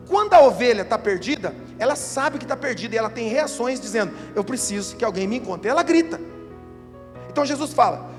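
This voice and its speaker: A male pastor, preaching an emphatic sermon at a church service, asking rhetorical questions and acting out quotes. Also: very high voice. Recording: reverberant church hall with music behind.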